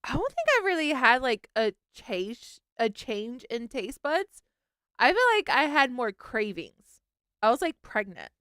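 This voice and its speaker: A woman's voice: on the high side, big pitch swings, unhurried, fairly bright tone, clean tone, no room sound, studio quality. A woman co-hosting a podcast over a video call, chatting casually and candidly, laughing often and swearing freely. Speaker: podcast co-host. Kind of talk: casual chat.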